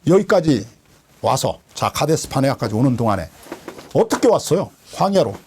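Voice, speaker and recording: A man's voice: moderate pace, slight background noise. A male pastor giving a sermon in colloquial, storytelling style, retelling scripture with dramatic swings. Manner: animated storytelling, colloquial, dramatic drops in pitch.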